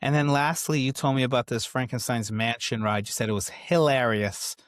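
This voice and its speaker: A man's voice: medium pitch, steady tone, a little fast, smooth, dry recording. A middle-aged man with a Bronx accent hosts a casual interview, prompting with easygoing questions and short replies. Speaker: host interviewing his son.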